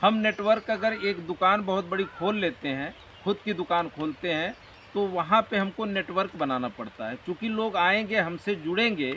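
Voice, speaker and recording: A man's voice: sits high, normal speed, pushed and bright. A man being interviewed, talking earnestly and at length in a motivational way. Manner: earnest, motivational, rambling explanations. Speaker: interview guest. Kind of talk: conversational interview. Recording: distant mic with faint background noise.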